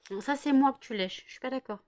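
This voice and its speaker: A woman's voice: high-pitched, quick pace. A worn-out woman from France in a casual home vlog, cooing baby talk to her dogs after one hour of sleep. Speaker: vlogger.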